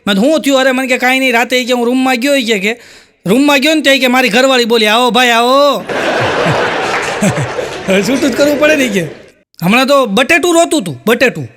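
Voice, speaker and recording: A man telling stand-up jokes, acting out the characters' lines in a higher voice. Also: a little fast, bright, forceful tone. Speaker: stand-up comedian.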